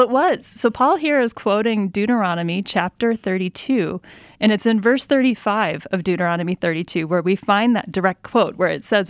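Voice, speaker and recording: A woman's voice: mid-range voice, no room sound, clean studio sound. A woman hosting a conversational Bible study podcast and teaching as she goes.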